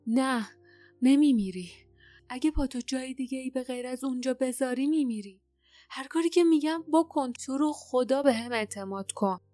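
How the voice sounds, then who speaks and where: A woman's voice: high-pitched, no room sound, faint music behind, voice pushed up. Woman voicing an urgent young hero. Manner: urgent, breathless pleading.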